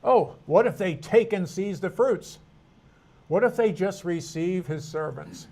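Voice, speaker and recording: Casting note: man with a high-pitched voice, Bible class teacher, rambling and conversational, muses aloud with plenty of restarts. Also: unhurried, darkish tone. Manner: rambling, thinking aloud with frequent restarts and asides. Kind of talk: informal Bible study lecture.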